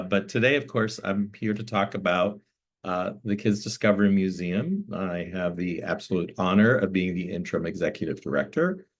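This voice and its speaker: At a community talk, a guest who serves as interim museum director speaks in a low-pitched voice. He is a middle-aged Floridian born in Cuba, and he explains at length with frequent fillers.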